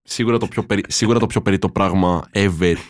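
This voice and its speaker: A young man co-hosts a casual podcast, dropping dry, sarcastic remarks. His voice is fairly low and recorded close with no room echo. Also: steady tone. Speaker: podcast co-host. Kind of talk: casual chat.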